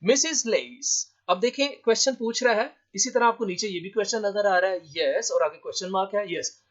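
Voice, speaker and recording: A man teaching an English lesson, reading English sentences aloud and translating them line by line. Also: high-pitched. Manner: explains slowly, reads English lines aloud then translates. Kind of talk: lecture with translation. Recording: dull lo-fi sound.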